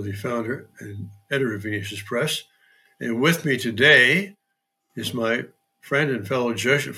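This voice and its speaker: An older man, a priest, hosting a podcast interview, with dry humor and frequent throat clearing. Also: mid-range voice, bright, forceful tone. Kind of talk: conversational interview.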